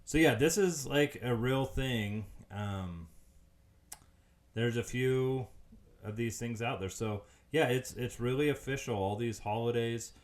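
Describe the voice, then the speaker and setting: A man's voice: medium pitch, unhurried. A man hosting a podcast, casually reading out facts with frequent hesitant ums. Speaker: podcast host.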